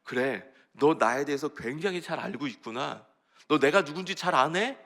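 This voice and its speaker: Man in a sermon playing an earnest gentle teacher, intimate and half-whispered, gravelly tone. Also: on the high side, expressive, moderate pace, full character voice. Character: gentle teacher addressing his followers.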